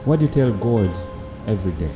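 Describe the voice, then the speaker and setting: A woman's voice: extremely low pitch, animated, quick pace, mellow. A woman hosting a podcast, asking brief probing questions and offering encouragement. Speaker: podcast host. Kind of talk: interview questions. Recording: music playing under the voice.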